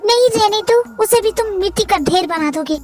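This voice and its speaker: A woman's voice: very high-pitched, brisk, a little mellow, voice pushed up. A woman doing a sassy, bubbly young wife. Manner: sassy, chatty.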